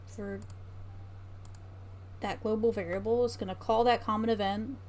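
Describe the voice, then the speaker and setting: A woman livestreams while working, casually thinking aloud and often trailing off mid-thought. Her mid-range voice is steady and darkish at a moderate pace, over faint background noise with keyboard typing and mouse clicks.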